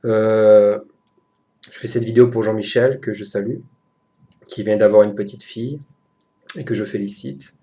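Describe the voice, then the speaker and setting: A man with a French accent giving a casual, chatty software tutorial to a friend, hesitant and full of fillers. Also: on the low side, steady tone, moderate pace, pauses often.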